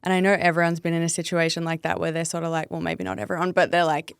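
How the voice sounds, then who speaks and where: A woman's voice: lowish voice, flat delivery, quick pace, vocal fry, smooth, dry recording, clean studio sound. An Australian woman in her thirties from Melbourne, chatting openly as a podcast guest and saying 'like' a lot. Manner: chatty, open, uses 'like' often. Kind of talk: casual interview chat.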